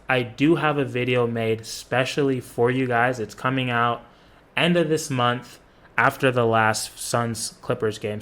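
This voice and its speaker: A man's voice: mid-range voice, a bit bright. A man doing reaction commentary on a basketball video, with sarcastic, profane trash talk.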